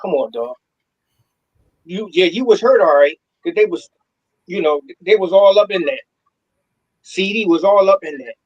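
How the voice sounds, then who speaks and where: A man's voice: high voice, animated, normal speed, long pauses, dull audio. A man co-hosting a casual sports podcast, fired up and slangy, repeating himself as he makes his point. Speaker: podcast co-host.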